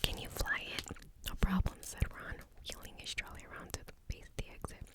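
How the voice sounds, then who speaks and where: A woman reading a story aloud in an ASMR whisper, barely audible and unvoiced, with tingly mouth sounds. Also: brisk.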